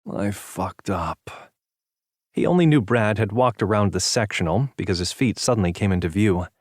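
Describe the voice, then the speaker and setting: A man narrating a romance audiobook in a steady, even storytelling manner. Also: fairly low pitch, no echo, clean studio sound. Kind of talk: scripted narration.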